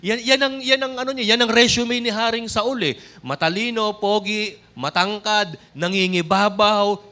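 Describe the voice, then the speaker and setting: A man's voice: high voice, moderate pace, pushed and bright. A man with a Filipino accent preaching a sermon, switching between Tagalog and English and often addressing the congregation directly. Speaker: pastor.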